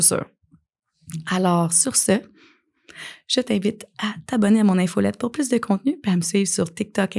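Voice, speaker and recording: Québécois woman, solo podcast host, lively coaching chat, slips into quick acted-out voices. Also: mid-range voice, vocal fry. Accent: Québécois French. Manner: animated, coaching, acts out little scenes. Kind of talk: casual solo podcast talk.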